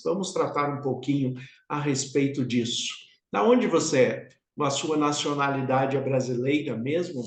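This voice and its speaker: A pastor from São Paulo with a São Paulo accent, giving an unhurried, reflective devotional sermon and speaking directly to the listener. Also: male voice, mid-range voice. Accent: São Paulo Portuguese. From São Paulo, Brazil. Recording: roomy echo.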